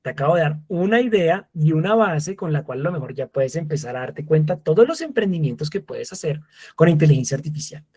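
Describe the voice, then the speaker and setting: Husky-voiced man giving an animated lecture. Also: a little high, brisk. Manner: animated, acts out voice assistant exchanges. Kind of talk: live masterclass lecture.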